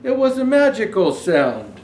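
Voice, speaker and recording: Slightly slow and high-pitched, a male storyteller brings a children's Christmas story to life expressively, raising his voice whenever characters speak and adding casual side remarks. Faint background noise and an echoey room come through.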